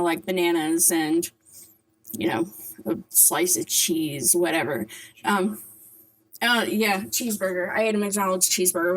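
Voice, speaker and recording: A woman's voice: medium pitch, poor audio. A woman talking casually to camera in a vlog, articulating carefully around dentures, with a slight lisp and hard, whistling S sounds. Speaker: vlogger.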